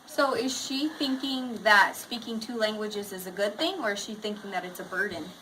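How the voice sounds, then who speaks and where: Speaking at normal speed in a mid-range voice, a woman leads a class, reading aloud expressively and posing questions to her pupils. Faint classroom noise can be heard.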